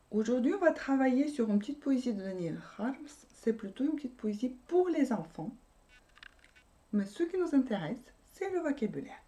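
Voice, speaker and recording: A woman teaches a language lesson in a mellow, darker voice. Her pitch rises and falls expressively as she repeats and patiently explains each new word.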